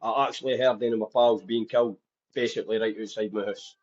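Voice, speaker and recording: Speaking as a podcast guest, a Dundee man from Scotland tells his life story openly and candidly. His lowish, husky voice moves quickly with fairly even intonation, and the audio sounds dull.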